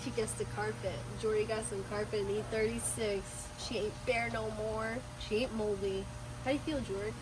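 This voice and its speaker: A woman's voice: mid-range voice, fairly even intonation, moderate pace, loud music behind the voice, low-quality recording. A woman hosting a casual car vlog in a garage, playful and teasing. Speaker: vlogger.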